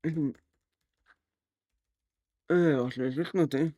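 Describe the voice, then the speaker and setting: A man streaming live, telling a rambling story in a casual, animated way and acting out the people he quotes. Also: fairly high pitch, slow, no echo, clean studio sound. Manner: animated, acts out quoted voices; rambling with restarts and fillers.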